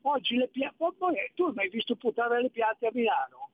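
A man's voice: very high-pitched, expressive, fairly quick, slightly rough, no room sound. A man calling in to a radio show over the phone, indignant and lecturing. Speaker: caller. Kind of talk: call-in radio rant. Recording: narrow phone-line audio.

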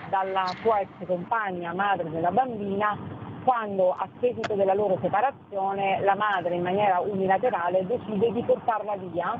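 A woman lawyer calling in while traveling, explaining a case in a measured, hesitant way, over a low-quality phone stream. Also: steady tone. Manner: measured, hesitant with frequent fillers. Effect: low-quality phone stream from a traveling caller. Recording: tinny phone line with faint noise.

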